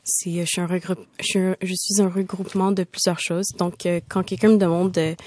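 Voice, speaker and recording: Young Québécoise radio guest, hesitant, flat delivery. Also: female voice, lowish voice, a little fast, dry recording. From Morocco, raised in Quebec. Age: young adult. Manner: hesitant, many fillers. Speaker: guest artist. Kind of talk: radio interview.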